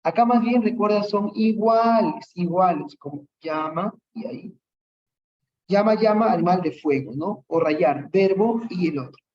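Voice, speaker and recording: The recording is muffled with a touch of hiss or hum, but the teacher's medium-pitched voice comes through at a measured pace. Speaking with a Peruvian accent in an online class, they patiently run through many examples, often checking in with tag questions.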